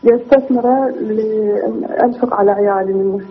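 A woman calling in with a question, hesitant and full of pauses. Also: mid-range voice, steady tone, breathy edge. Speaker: caller. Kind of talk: phoned-in question. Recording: tinny phone line.

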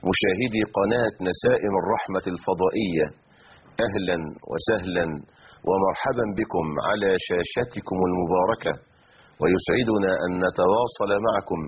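Deep-voiced Egyptian man, religious call-in host. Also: slightly rough. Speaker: host sheikh answering callers' religious questions. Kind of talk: live religious call-in programme. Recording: muffled broadcast audio with background hiss.

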